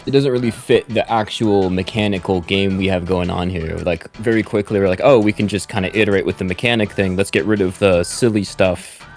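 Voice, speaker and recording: Low-voiced man ranting about game development. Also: a little fast, hardly any pauses, soft background music. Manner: loose, rambling, slips into animated rants. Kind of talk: casual co-host chat about game development.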